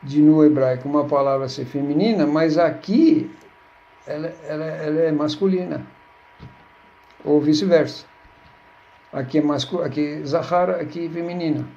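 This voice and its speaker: A man with a gravelly, mellow voice patiently explains grammar, often repeating words and checking that listeners follow. The recording sounds dull and lo-fi. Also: on the high side, steady tone, normal speed, pauses often. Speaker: Hebrew teacher.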